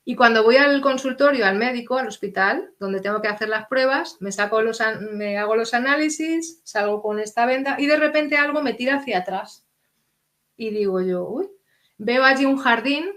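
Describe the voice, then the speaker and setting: Earnest woman telling a story. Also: on the high side. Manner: earnest, animated, acts out quoted dialogue. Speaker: interview guest. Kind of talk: emotional personal storytelling.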